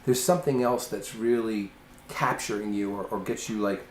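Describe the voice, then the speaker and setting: A man's voice: on the low side, moderate pace, darkish tone. An earnest, emphatic man coaches a client in an easy conversational way, now and then acting out the voices he quotes. The room sounds roomy, with faint ambient noise in the background. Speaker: host, life coach.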